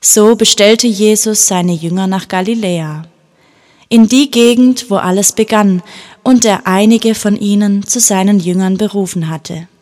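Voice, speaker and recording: A woman narrating a children's Bible story in a calm, gentle storytelling manner. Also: medium pitch, unhurried.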